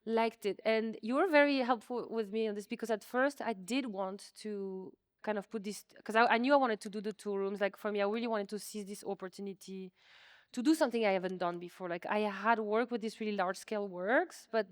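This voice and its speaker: A woman with a medium-pitched voice talks fairly quickly and barely pauses, recorded with clean studio sound and no echo. Her native language is French; she's an artist interviewed in a museum exhibition space, speaking casually, self-deprecatingly, and with many hedging "likes."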